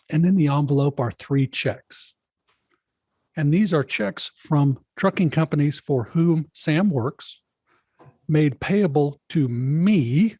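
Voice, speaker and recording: A middle-aged man with a somewhat husky voice tells a story from his own past as a podcast guest. He speaks earnestly and keeps turning to the host by name. The recording sounds dry and close. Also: a little high, darkish tone, no echo. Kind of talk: storytelling in an interview.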